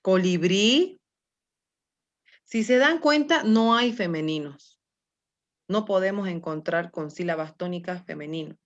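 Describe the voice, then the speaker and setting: A woman teacher takes students through a grammar lesson at a slow, deliberate pace. She coaxes answers out of them gently and keeps checking that they follow. The recording sounds dull and lo-fi. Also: fairly low pitch, expressive. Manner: patient, coaxing, with check-ins like "¿no?" and "mi amor".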